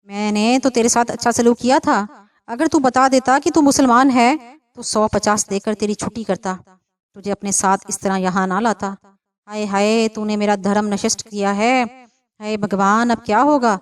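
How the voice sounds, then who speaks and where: A woman's voice: medium pitch, fairly even intonation, lightly acted. A woman voicing an agitated older merchant who scolds sharply and wails in distress. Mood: angry, distraught.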